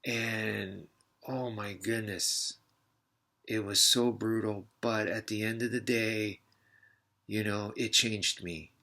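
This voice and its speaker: Man, martial arts instructor, gravelly fry in the voice, casual rambling story, self-mocking, repeats words. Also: lowish voice, fairly even intonation, slow pace, bright, forceful tone.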